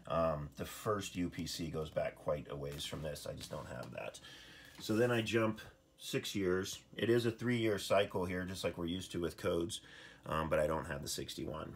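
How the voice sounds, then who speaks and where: A man's voice: deep voice, a little hiss or hum. A man giving an impromptu, casual show-and-tell at a table, thinking aloud with fillers as he goes. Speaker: code educator showing his book collection. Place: indoors at a wooden table.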